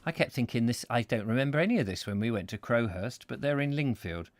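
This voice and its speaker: Lively, chatty male book reader. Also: medium pitch, fast talker, dry recording, clean studio sound. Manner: chatty asides, self-deprecating, lively storytelling. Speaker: reader and host of a live reading stream. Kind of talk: reading a travel book aloud, chatting with live viewers.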